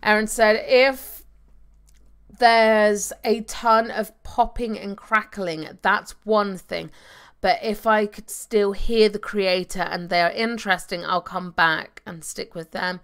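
With a steady, smooth, slightly bright mid-range voice, a young woman slowly chats through a live game stream at home. She reads viewers' comments aloud into her desk microphone.

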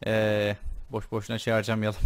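A man's voice: fairly low pitch, monotone, normal speed, clear, resonant tone, no echo. A young man giving casual, joking commentary while playing a game, chatting to himself and swearing playfully. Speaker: gaming YouTuber. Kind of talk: casual Let's Play commentary.

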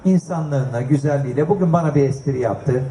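A man's voice: mid-range voice, a little fast, dark tone. An older man chatting casually to an audience as a guest, telling jokey anecdotes. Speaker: guest speaker and collector. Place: festival stage before an audience. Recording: echoey live event sound.

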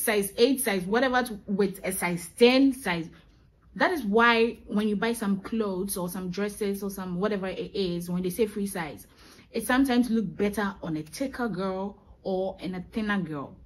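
A woman's voice: mid-range voice, low-quality recording. A young woman venting in a vlog, emphatic and exasperated, repeating her points for effect. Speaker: vlogger. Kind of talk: ranting vlog monologue.

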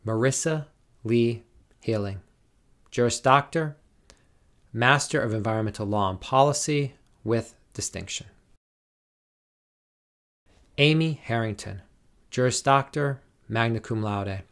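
A man formally reading out graduates' names and degrees at a commencement, in a slow, measured, deliberate way. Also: medium pitch, fairly bright tone. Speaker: commencement name reader.

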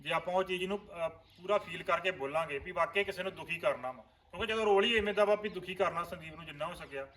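A man's voice: high-pitched, quick pace, few pauses, fairly bright tone. A man, an actor in a vlog series, earnestly explaining roles to viewers. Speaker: vlogger and actor. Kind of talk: casual chat.

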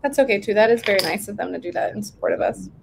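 A woman's voice: medium pitch, creaky, noisy background. A woman chatting on a livestream with other builders, playful and teasing. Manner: playful, teasing, quick apologies. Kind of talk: casual chat.

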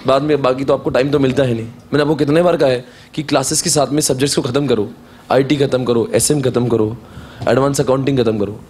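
A man teaching a classroom lecture in Hindi and English, sternly urging students to study, then reading exam questions aloud slowly. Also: medium pitch, darkish tone, a little hiss or hum.

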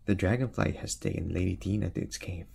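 A man reading a picture book aloud in a relaxed way, pointing out the pictures and adding asides. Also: low voice, fairly quick, creaky, breathy edge. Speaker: storyteller.

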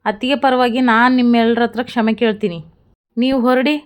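A woman's voice: a little high, steady tone, brisk, clear, resonant tone, close to an everyday voice. A woman reading the lines of a pleading young peacemaker from a TV serial in a plain recap voice. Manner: read out plainly in a retelling.

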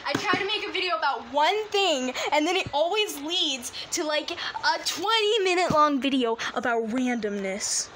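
A woman's voice: sits high, expressive, moderate pace, few pauses, a bit bright. A young woman chatting late at night for her video, giggly and rambling. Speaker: video maker. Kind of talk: casual late-night chat. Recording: noisy home recording.

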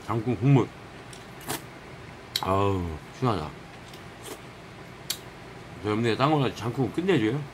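A man's voice: on the low side, expressive, unhurried, pauses often, background noise. A man streaming a live eating show, talking casually with his mouth full while chewing, exclaiming and mumbling between bites. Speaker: mukbang streamer.

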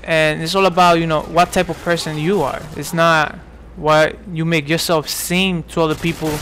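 A man's voice: fairly high pitch, level tone, moderate pace, fairly bright tone, slight background noise. A man in his twenties from New York giving casual, rambling commentary over gameplay, full of fillers and restarts. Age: 20s. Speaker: gaming commentator.

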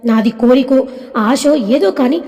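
An obsessive, jealous young woman, read by a woman narrator, pleading and threatening by turns. The voice sits high and mellow, with a long reverb trailing behind it. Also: measured pace, faint music behind.

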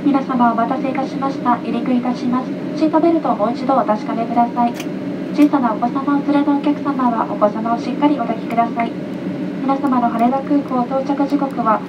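A woman's voice: a little high, steady tone, fairly quick, far from the mic. A woman making a polite, formal flight attendant's announcement over an aircraft PA. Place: aircraft cabin speakers, engine noise behind. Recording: muffled aircraft PA with loud cabin noise.

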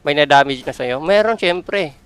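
A man's voice: on the high side, expressive, normal speed, a bit bright, clean tone, soft background music. A man with a Filipino accent doing live gameplay commentary, full of playful trash talk as he plays. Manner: playful trash talk, mixing Tagalog and English. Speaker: game streamer.

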